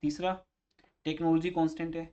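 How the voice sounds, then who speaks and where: A man's voice: a little high, level tone, brisk, mellow. A male commerce teacher giving a classroom lecture, explaining with everyday examples and questions to his students. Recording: slightly dull lo-fi recording.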